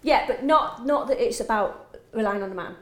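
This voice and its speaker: A woman's voice: a little high, moderate pace, echoey room. A woman with a British accent chatting casually on a podcast in an earnest, emphatic way. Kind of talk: casual chat.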